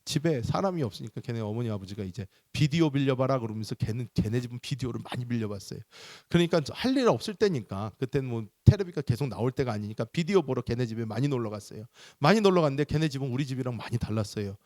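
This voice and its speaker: A middle-aged male pastor giving a sermon in an animated storytelling manner. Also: medium pitch, fast, few pauses, dry recording, clean studio sound. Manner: animated storytelling, acts out voices.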